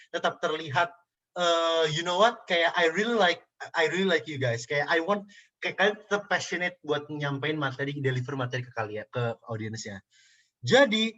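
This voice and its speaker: A young man giving a casual online public speaking class, answering questions in relaxed slang and dropping in English phrases. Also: a little high, highs cut off.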